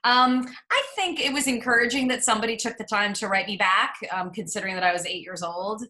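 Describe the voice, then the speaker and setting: A woman in her forties from New York City with a Midwestern American accent chats as a guest in a casual interview. She's a casting director telling stories, speaking briskly in a sharp, medium-pitched voice with frequent laughs and restarts.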